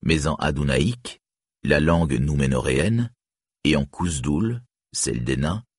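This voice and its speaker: A man reading an audiobook pronunciation guide with careful, deliberate enunciation, on a close studio mic. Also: a bass voice, husky, no echo. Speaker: audiobook narrator.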